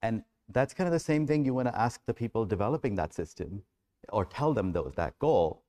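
A man's voice: on the low side, expressive, brisk, warm tone. A man speaking as a panelist in an academic discussion, conversational and thinking aloud, often restarting his phrases.

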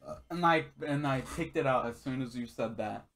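A young man pushing back hard in a heated but playful argument with a friend. He keeps denying and repeating himself, swears freely, and laughs between lines. His voice sits at an ordinary pitch. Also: normal speed, a bit bright. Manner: insistent, defensive, swears, laughs. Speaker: gaming video co-host.

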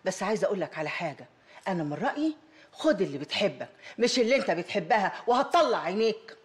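A woman doing a meddling Egyptian mother with a lively, rapid voice, coaxing and insistent. She speaks in a film drama. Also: mid-range voice, natural voice. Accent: Egyptian Arabic. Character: meddling mother pushing her son to marry. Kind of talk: film acting.

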